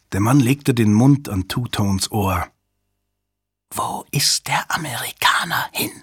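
Husky male audiobook narrator. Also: lowish voice, no echo, studio quality. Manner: measured, suspenseful reading. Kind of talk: scripted narration.

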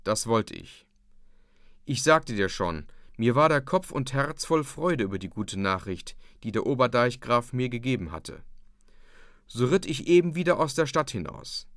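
A man's voice: medium pitch, sing-song, unhurried, no room sound, studio quality. A man reading the part of an earnest young male dike-reeve who speaks steadily and reassuringly to his wife. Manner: warm, reassuring.

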